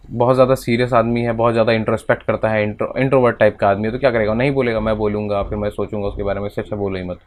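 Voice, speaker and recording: A man with an Indian accent teaching vocabulary, reading English text slowly and then explaining it quickly in Hindi. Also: mid-range voice.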